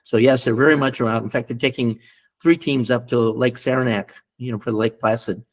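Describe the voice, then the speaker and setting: A man's voice: mid-range voice, fairly even intonation, a little fast. An older American man in his seventies recounting stories in a casual interview, rambling with many fillers and restarts, and chuckling as he recalls things. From United States. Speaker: podcast guest, former rugby player and coach.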